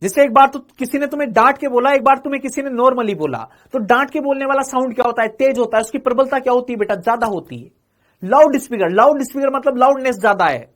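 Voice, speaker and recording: A man's voice: very high-pitched, fast. A male physics teacher giving an exam-prep lecture. He keeps calling students "beta", asks them questions and answers them himself, and repeats each phrase several times.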